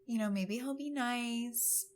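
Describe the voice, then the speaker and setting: A woman's voice: a little high, slow, pitched above the performer's own voice. A woman voicing a nervous young woman reassuring herself before a date she dreads, in a hesitant tone.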